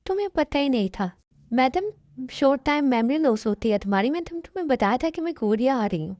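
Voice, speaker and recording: A woman's voice: high-pitched, expressive, fairly quick, warm tone, dry recording. A woman voicing a bossy, teasing young sister who scolds, in a fan dub. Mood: annoyed.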